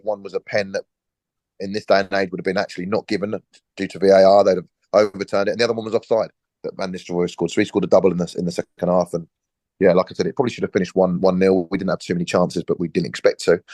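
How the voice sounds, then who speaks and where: Man, 40s, podcast guest, rapid storytelling, acts out quotes, dry studio sound. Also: on the low side, dry recording. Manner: lively storyteller, acts out quoted dialogue, frequent restarts. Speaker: podcast guest, former professional footballer. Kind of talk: relaxed anecdotal storytelling.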